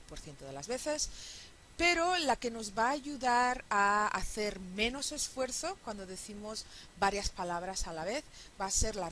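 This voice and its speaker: A woman teaching a phonetics lesson, explaining step by step and often checking understanding with a quick question. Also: on the low side, fairly bright tone, slight background noise, poor audio. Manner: counts syllables aloud slowly. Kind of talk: recorded classroom lecture.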